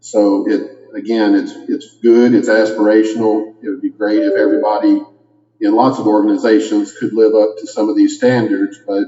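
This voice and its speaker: Flat, mellow-voiced man, lo-fi and echoey. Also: lowish voice. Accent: Kentucky. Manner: careful, deliberate, slightly muffled by a cough drop. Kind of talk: formal legal explanation. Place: meeting room. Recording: echoey hall, dull lo-fi sound.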